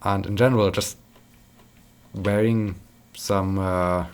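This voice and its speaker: A man's voice: low-pitched, steady tone, slow pace, clear, resonant tone. A man chatting casually while playing a game, rambling and repeating words, tired but upbeat. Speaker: gaming vlogger.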